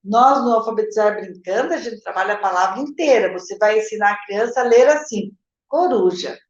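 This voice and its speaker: A woman's voice: mid-range voice, brisk, reverberant, lo-fi sound. A woman with a Brazilian Portuguese accent, a literacy teacher answering viewer questions in a live session, explaining step by step and checking in with her viewers. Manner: explanatory, addresses viewers directly with "gente" and "tá?".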